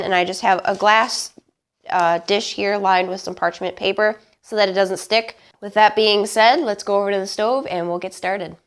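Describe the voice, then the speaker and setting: Congested, honking woman hosting a cooking show. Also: mid-range voice. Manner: chatty, emphatic, informal. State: congested, honking voice from getting over bronchitis. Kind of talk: casual recipe demonstration to camera.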